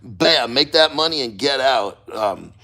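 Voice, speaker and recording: A crypto channel host sits in a cold water plunge during a casual livestream, blunt and loose, with motivational rambling and casual swearing. His mid-range voice is animated and unhurried, bright and forceful, with vocal fry.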